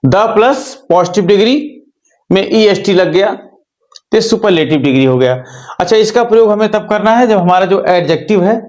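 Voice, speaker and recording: A man's voice: sits high, expressive, moderate pace, darkish tone. A man teaching English grammar in a lesson, repeating each point and asking rhetorical questions as he writes. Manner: repetitive, checks in with "ठीक है" and rhetorical questions. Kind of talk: classroom lesson explaining grammar.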